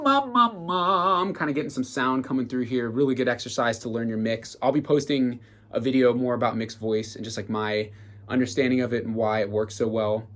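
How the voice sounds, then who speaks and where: A man who is a vocal coach, giving an enthusiastic, casual reaction commentary full of "like" fillers. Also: mid-range voice. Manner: enthusiastic, lively, frequent "like" fillers, bursts of singing demonstrations.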